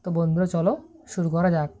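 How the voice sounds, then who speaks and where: Voice-over teacher, female, lowish mellow voice, patient and methodical. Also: level tone, quick pace. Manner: patient, step-by-step, often asks "see?". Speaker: English teacher. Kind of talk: explaining pronunciation to students.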